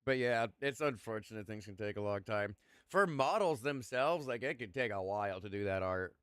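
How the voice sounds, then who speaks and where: Laid-back young man, smooth dry voice. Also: lowish voice, expressive, moderate pace, fairly bright tone, dry recording. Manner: laid-back rambling with frequent fillers, casual swearing. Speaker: streamer. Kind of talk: casual chat stream.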